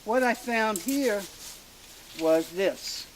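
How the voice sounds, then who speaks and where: A middle-aged man telling family history to a gathered group outdoors at a rural graveside, in a hesitant, halting way with many fillers and restarts. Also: sits high, expressive, slight background noise, poor audio. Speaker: family historian speaking at a family reunion. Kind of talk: informal storytelling speech to a gathered group.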